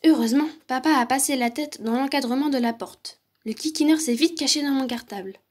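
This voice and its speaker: Woman story reader, high husky voice, lively expressive read-aloud. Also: fairly quick. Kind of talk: reading a children's picture book aloud.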